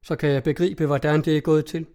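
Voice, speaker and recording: An eager, newly rich young carpenter presses his suit with pleading urgency, read by a man. The voice is mellow and dark in tone while sitting a touch high. He sounds earnest and hopeful. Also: level tone, lightly acted.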